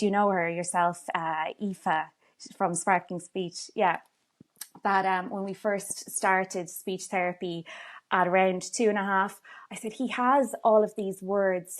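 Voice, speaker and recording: Irish woman chatting as a podcast guest. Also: lowish voice. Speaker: podcast guest, parent advocate. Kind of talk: casual personal storytelling in conversation.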